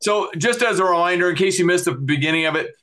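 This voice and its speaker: A man's voice: high-pitched, fast talker, bright, forceful tone, a little hiss or hum. Earnest middle-aged male podcast host. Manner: earnest, repetitive, plugging websites with frequent fillers. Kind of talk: podcast outro and guest thanks.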